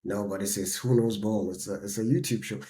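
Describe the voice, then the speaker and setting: Husky man chatting easily. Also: on the low side, a little fast. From Nigeria. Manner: relaxed, chatty, says "man" often. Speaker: podcast co-host. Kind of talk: casual chat.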